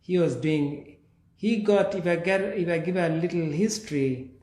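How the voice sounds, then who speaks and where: A man in his forties from Kenya tells his life story in a slightly raised voice, speaking slowly and pausing to restart his sentences. He is recorded in an echoey room. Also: on the high side, darkish tone. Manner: slow, measured, with pauses and restarts. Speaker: guest.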